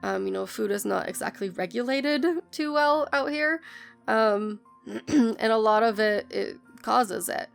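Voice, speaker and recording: A woman with bronchitis narrating a building game, hoarse and coughing, rambling with many ums. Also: fairly high pitch, unhurried. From United States. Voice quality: gravelly voice. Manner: rambling, lots of ums, self-correcting. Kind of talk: casual chatty voice-over. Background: soft background music.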